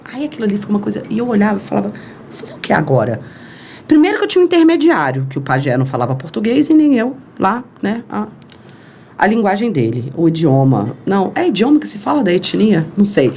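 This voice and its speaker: A woman from Brazil, guesting on a podcast, talks fast in a medium-pitched voice as she spins a long story, animated and performing each quoted line in character. A little hiss or hum is audible.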